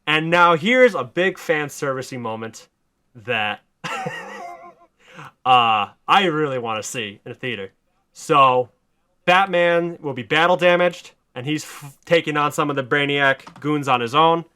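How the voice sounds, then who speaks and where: A man hosting a podcast, telling a story in excited casual chat, swearing a lot and rising to near shouts. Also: a little high, unhurried, smooth. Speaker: podcast host.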